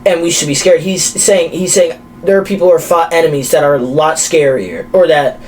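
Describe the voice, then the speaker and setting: A man's voice: fairly high pitch, brisk, slight background noise, rough recording. Young man rambling casually. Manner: animated, rambling with many fillers. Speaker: podcast co-host. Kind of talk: casual chat.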